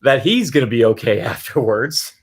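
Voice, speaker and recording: A man co-hosting a casual film discussion, rambling and animated, often restarting his sentences. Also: medium pitch, normal speed, breathy edge. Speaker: podcast co-host.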